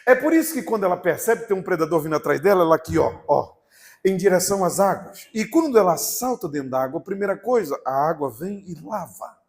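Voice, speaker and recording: A young man with a Brazilian Portuguese accent, preaching a live sermon to a congregation as an animated, humorous storyteller who swings between loud and hushed. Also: high voice, fast talker. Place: church before a congregation.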